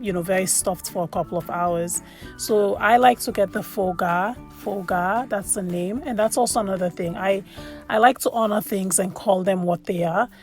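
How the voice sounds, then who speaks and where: A woman from Sierra Leone talks casually over footage of her meal as a food vlogger. Her voice sits at a middle pitch with a lot of vocal fry, and she is chatty, doubling up words for emphasis. Music plays softly behind her.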